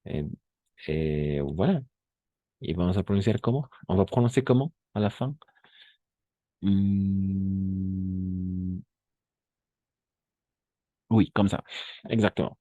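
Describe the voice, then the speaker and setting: A man teaching French grammar in an online class. He is patient and repeats the French examples slowly, checking in with short confirmations. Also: sits low, dry recording, narrow, tinny audio.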